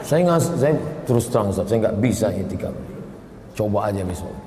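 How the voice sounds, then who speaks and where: A man's voice: on the low side, brisk, background noise. Man preaching in an echoing hall. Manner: lively storytelling with chanted Arabic phrases. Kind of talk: sermon. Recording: echoey hall with faint ambience.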